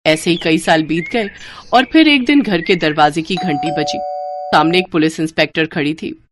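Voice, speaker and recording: A woman narrating an animated moral story in a steady, clear storytelling manner. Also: low-pitched, moderate pace, background noise.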